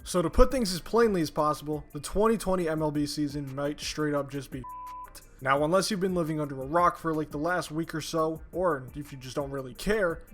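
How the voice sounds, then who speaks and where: A man with a fairly high voice gives casual, slangy opinion commentary in the style of an online video host. He is blunt and swears freely, speaking with a sore, medicated mouth after wisdom teeth removal. Faint music plays behind him. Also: a little fast, a bit bright. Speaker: YouTube sports commentator.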